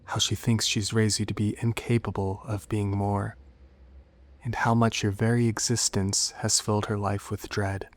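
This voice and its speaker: A man voicing a seductive, menacing female demon in a horror story, coaxing and cryptic, with soft whispered turns. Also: on the low side, flat delivery, normal speed, natural voice. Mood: calm, persuasive.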